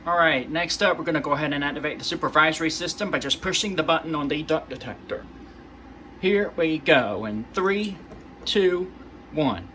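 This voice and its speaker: A man's voice: a little high, animated, moderate pace, bright, forceful tone, a little hiss or hum. A man casually narrating a hands-on demonstration as its host. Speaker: host demonstrating a fire alarm system test.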